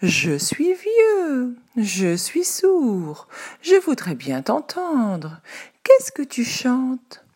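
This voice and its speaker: A sly, flattering male fox from a storybook, as a woman puts him on. He drawls his compliments slowly and sweetly. The tone lifts into a thin fake-old voice when he pretends to be deaf. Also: sits high, slightly rough, pitched above the performer's own voice, full character voice. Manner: slow, sweet-talking, sly.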